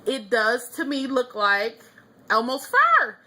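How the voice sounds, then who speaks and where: A woman's voice: a little high, wildly swooping pitch, takes it slowly, pushed and bright. A woman vlogger giving a casual, chatty nail polish review, opinionated, with frequent ums and small laughs.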